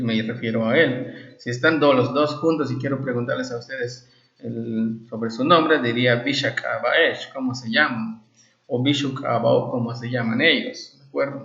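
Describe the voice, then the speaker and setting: A man from Valladolid, Yucatán, Mexico teaches an informal language class with translated examples. His medium-pitched voice has vocal fry and is a bit bright. He explains phrases and frequently asks whether listeners are following, in a dull, lo-fi, echoey room.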